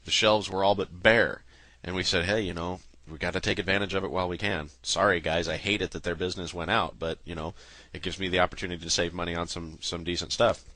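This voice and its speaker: A man rants straight into the mic, angry, sarcastic and swearing freely. His voice is bright and cutting, with a lowish pitch, and the recording is dry and close with no room sound. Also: fairly even intonation, fast talker, no room sound. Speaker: political commentary video host. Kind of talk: angry political rant to camera.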